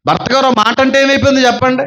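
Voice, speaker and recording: High-voiced male pastor preaching. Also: steady tone, rapid-fire, fairly bright tone. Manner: preaching with repeated rhetorical questions. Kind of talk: sermon.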